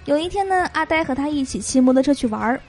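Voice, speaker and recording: A woman hosts a show of spoken jokes in a high, animated voice that rises and falls a lot. She keeps a cheerful tone and laughs at her own punchlines. Faint music plays under her voice. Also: fast. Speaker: host. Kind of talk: reading jokes aloud.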